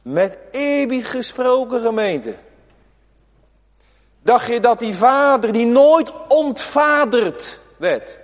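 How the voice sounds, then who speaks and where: A man preaches from the pulpit, his voice sitting high for a man and ringing with long reverb through the church hall. He moves from loud, emphatic calls to quiet, confiding asides, drawing out key words for weight. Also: big pitch swings, slow pace. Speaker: pastor. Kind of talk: sermon.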